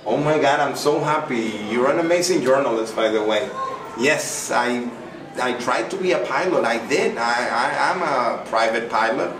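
A man's voice: mid-range voice, lively intonation, normal speed, recorded from a distance. Middle-aged man, chatty and effusive, recorded from afar in an echoey, noisy room. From Venezuela. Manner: effusive, chatty, many fillers. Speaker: artist interviewed by a child. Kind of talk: casual interview. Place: small indoor room.

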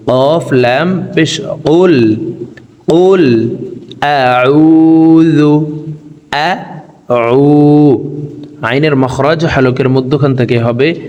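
A man teaching a recitation lesson, explaining pronunciation slowly word by word and drawing out chanted verses. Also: mid-range voice, in a large hall. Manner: slow, drawn-out chanting of verses between spoken explanations.

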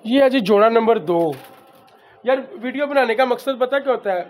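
A man from Pakistan who breeds and sells pigeons, talking loudly and emphatically as he shows birds to his viewers, repeating the same stock phrases. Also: very high-pitched, normal speed. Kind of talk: casual handheld show-and-tell. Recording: faint background noise with pigeons.

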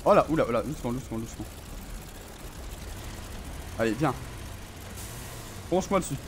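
A man's voice: medium pitch, lively intonation, normal speed, slight background noise. A man streaming a horror game, commenting live, swearing often and talking back to the enemy on screen. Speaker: gaming streamer.

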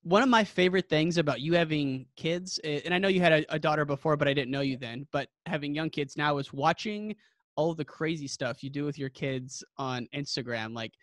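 A man's voice: on the high side, fairly quick, fairly bright tone, dry recording. Friendly male podcast host, dry sound. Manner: friendly, admiring, asks long rambling questions. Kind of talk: casual interview questions.

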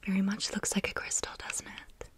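A young woman whispering in an ASMR style, soft and intimate, close to the microphone, lingering on and repeating words. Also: moderate pace. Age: young adult. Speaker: ASMR video host.

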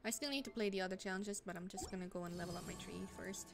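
A woman's voice: medium pitch, steady tone, quick pace, vocal fry, over loud music. A young woman streaming a game, chatting casually with lots of fillers and blunt swearing. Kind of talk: casual chat while gaming. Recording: noisy home stream mic.

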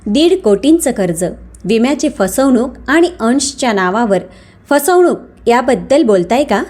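Calm, firm older mother in a storybook, slightly high voice, read by a woman. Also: unhurried. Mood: stern. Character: calm dignified older mother, wealthy but humble.

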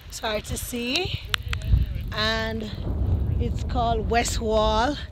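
A woman in her thirties with a Jamaican accent, excitedly vlogging to a phone held at arm's length outdoors on a mountain chairlift. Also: fairly high pitch, very slow, noisy background. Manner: excited, laughing often, talking to camera. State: out of breath. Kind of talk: casual travel vlog.

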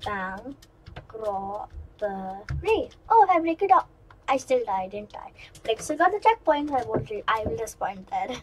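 A woman giving chatty, excitable let's-play commentary, rambling in asides to her viewers. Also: fairly high pitch, brisk, slight background noise, low-quality recording. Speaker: gaming channel host.

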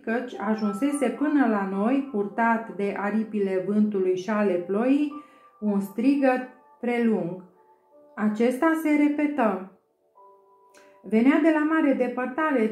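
A woman narrating an audiobook in a steady storytelling manner. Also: a little high. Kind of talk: scripted narration. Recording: roomy echo, faint music.

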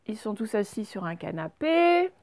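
A middle-aged woman, a primary school teacher giving a slow, patient spelling lesson with many fillers. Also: medium pitch, big pitch swings, a little mellow, no room sound. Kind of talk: recorded spelling lesson for young pupils.

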